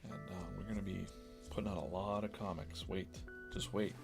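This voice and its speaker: A man's voice: low-pitched, steady tone, moderate pace, creaky, music in the background. A man hosting a live drawing stream, chatting casually and rambling with frequent restarts as he works on a comic. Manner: rambling, self-interrupting, business-minded.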